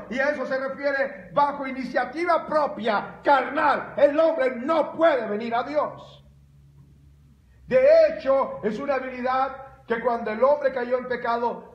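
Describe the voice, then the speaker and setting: A man with a high voice preaches a sermon in a church sanctuary, his words ringing around a roomy, echoey space. He delivers it with animated emphasis and bursts into loud exclamations. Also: lo-fi sound. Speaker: pastor.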